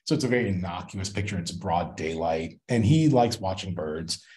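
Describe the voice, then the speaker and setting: Male scholar, interview guest; low pitch, expressive delivery, emphatic and reflective. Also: normal speed. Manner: reflective, emphatic, frequent "right?" tags. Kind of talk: academic interview conversation.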